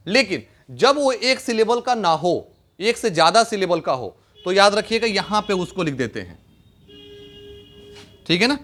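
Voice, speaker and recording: Young guy teaching grammar, high voice, keeps asking the class if they get it. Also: a bit bright. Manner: repeats questions to students, checks understanding often.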